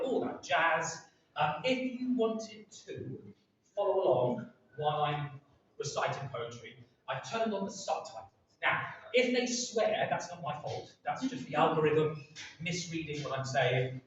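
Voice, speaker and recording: A middle-aged man from England, a poet chatting with his audience at a live reading, joking and self-deprecating. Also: a little high. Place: large seaside pavilion hall with audience. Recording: echoey hall, distant, dull and noisy.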